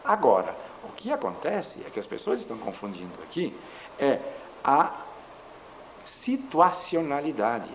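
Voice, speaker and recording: A man giving a measured lecture, explaining with examples. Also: medium pitch, huge pitch swings, poor audio. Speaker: linguistics lecturer. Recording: faint background noise.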